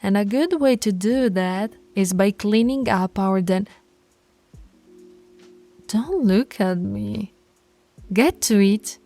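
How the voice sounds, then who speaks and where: In an ASMR roleplay, a woman plays a dominant, teasing alpha werewolf pack leader, commanding and often slipping into a breathy whisper. Her mid-range voice is warm and slow with frequent pauses, sounding stern and bossy over soft background music.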